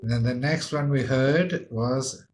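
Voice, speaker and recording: A man's voice: medium pitch, a little slow, darkish tone. A male English teacher giving a one-on-one lesson, patiently prompting and encouraging his student.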